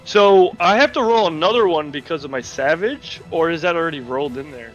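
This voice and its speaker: A man playing a tabletop game, chatting excitably and laughing often. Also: fairly high pitch, brisk, soft background music. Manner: excitable, laughing, talks over others. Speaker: player. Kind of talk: casual tabletop game chat. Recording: muffled lo-fi mic.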